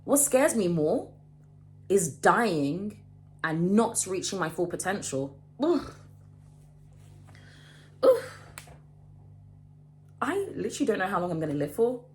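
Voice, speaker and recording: A woman in her late twenties giving a casual motivational talk to camera, animated and emphatic, often repeating and restarting her phrases. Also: mid-range voice, takes it slowly, long pauses. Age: late 20s. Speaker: vlogger.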